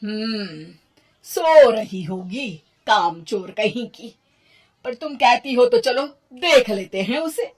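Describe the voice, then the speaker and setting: Stern, slow-spoken cartoon mother-in-law played by a woman. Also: fairly high pitch, expressive. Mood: scornful. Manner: sarcastic, scolding.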